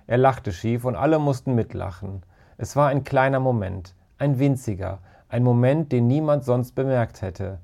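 A man narrating a children's story in a calm, measured reading. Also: mid-range voice, vocal fry. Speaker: audiobook narrator.

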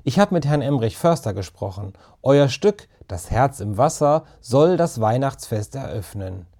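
A man voicing a proud, kindly female schoolteacher who speaks eagerly and warmly. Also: mid-range voice, sing-song, measured pace. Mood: delighted.

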